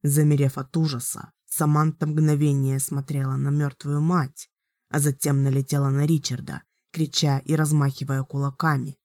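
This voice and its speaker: A woman narrating an audiobook in a measured, dramatic reading. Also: deep voice, little pitch movement, mellow. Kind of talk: scripted narration.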